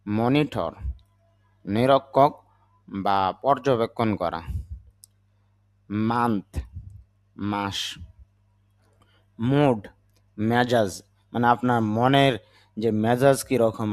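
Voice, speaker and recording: A man's voice: medium pitch, slow pace, pauses often, darkish tone, no room sound. Man teaching vocabulary. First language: Bengali. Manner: explains word meanings patiently, repeating each word. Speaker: English teacher. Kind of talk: vocabulary lesson.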